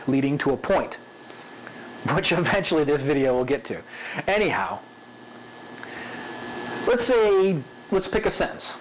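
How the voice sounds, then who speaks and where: A man's voice: on the high side, very animated, unhurried, long pauses, a little hiss or hum, low-quality recording. A man giving a casual animation lesson, talking conversationally, often checking in with "okay?" and playing with pace to show his point. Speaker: animation instructor.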